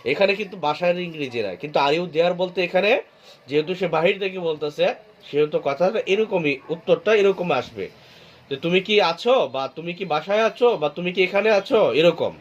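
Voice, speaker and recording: A man with a Bangladeshi Bengali accent teaching a class, slowly repeating words and asking students questions. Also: high-pitched, animated, muffled recording. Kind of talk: class lecture.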